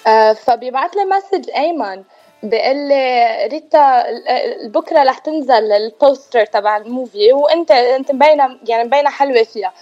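A woman's voice: high voice, fairly quick, warm tone. Chatty Lebanese woman on lo-fi radio. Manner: chatty, mixes in English words. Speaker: actress, interview guest. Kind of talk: casual radio interview chat.

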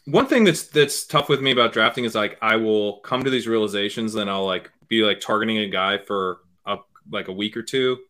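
Low-voiced man analyzing in casual chat. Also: fairly quick, few pauses. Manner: hedging, many fillers and restarts, trails off quietly. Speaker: podcast guest, fantasy football analyst.

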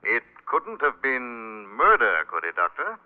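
A man's voice: medium pitch, wildly swooping pitch, a little slow. An actor playing a menacing, invisible male avenger with theatrical, mock-courteous threats in 1940s radio style. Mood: probing, accusing. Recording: muffled narrow-band old radio recording.

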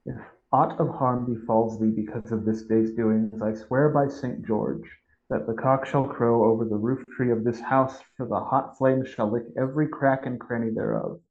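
A man reading the lines of a big, rough, loyal outlaw swearing vengeance in old-style speech, on a dull lo-fi recording. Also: medium pitch, fairly even intonation, normal speed, a little mellow, natural voice. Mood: vehement. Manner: vehement old-style oaths. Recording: dull lo-fi audio.

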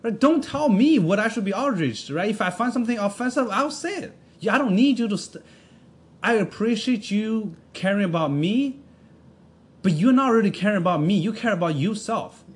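High-pitched man, profane emphatic ranting, casual podcast chat. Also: animated, normal speed. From United States.

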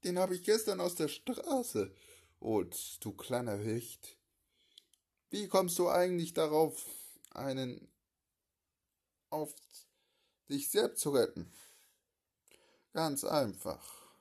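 A man telling a home-made crime audio drama and voicing all its parts, speaking slowly and haltingly with abrupt loud outbursts. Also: on the high side, big pitch swings, slightly rough.

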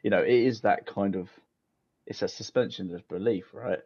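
Dad rambling on a podcast, lowish voice, kinda muffled lo-fi mic, keeps restarting sentences and chuckling. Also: male voice, moderate pace, vocal fry, a little mellow, breathy edge. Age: adult, a parent. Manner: rambling, self-correcting, laughs mid-sentence. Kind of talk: casual banter. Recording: dull, muffled lo-fi sound.

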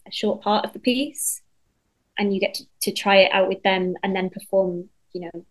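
A woman songwriter talking in a casual interview, chatty and lively, with lots of fillers and restarts and the odd casual swear word. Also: medium pitch, normal speed, rough recording.

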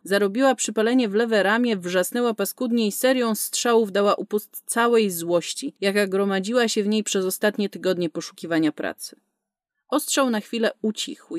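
A woman narrating an action-packed science fiction story in a brisk, vivid storytelling manner. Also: mid-range voice, no echo, clean studio sound. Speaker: audiobook narrator. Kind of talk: scripted narration.

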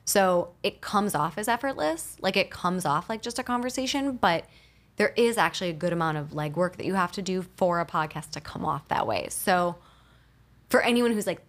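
This is a casual interview chat in a recording studio, where a female entrepreneur appears as a guest. She's chatty and fast, peppering her talk with "like," and her intonation swings a lot; a studio microphone picks her up.

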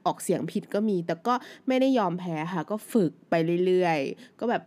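A woman's voice: fairly low pitch, expressive, normal speed, a little mellow. A woman in her thirties, a native Thai speaker, hosting her own podcast in a loose, chatty solo monologue full of fillers. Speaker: podcast host. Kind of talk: casual solo podcast chat.

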